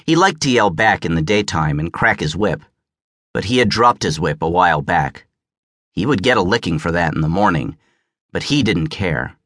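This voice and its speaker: Low-voiced man narrating an audiobook. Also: animated, normal speed, fairly bright tone, dry recording, clean studio sound. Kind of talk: scripted narration. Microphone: close studio mic.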